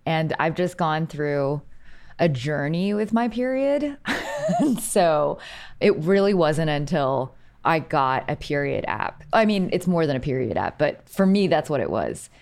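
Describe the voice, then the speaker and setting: A woman hosts an interview podcast with bubbly enthusiasm, her questions coming in quick, eager bursts. Her speaking voice is quite low for a woman. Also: very animated, darkish tone. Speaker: podcast host. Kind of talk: conversational interview.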